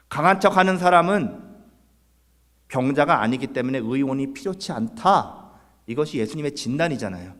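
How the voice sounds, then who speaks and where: A man's voice: medium pitch, long reverb tail. A man preaching a Sunday sermon as pastor, earnest, putting rhetorical questions to his congregation. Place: church sanctuary.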